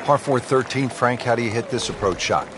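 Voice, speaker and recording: Fairly quick and natural, a mid-range male voice calls golf with broadcast polish while asking his co-commentator questions. The recording carries clear outdoor ambience and the sounds of a golf crowd.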